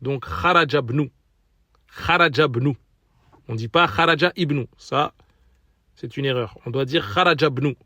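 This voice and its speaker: Slow, patient male Arabic teacher. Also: mid-range voice, sharp tone, no room sound, clean studio sound. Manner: patient, repeats words slowly for learners. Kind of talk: recorded language lesson.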